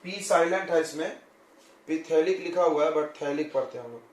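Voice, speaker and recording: A man's voice: on the high side, expressive, fairly quick, recorded from a distance. Man teaching chemistry in an echoey classroom. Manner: explains step by step, often checks students follow. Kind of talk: classroom lecture at a whiteboard. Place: coaching classroom.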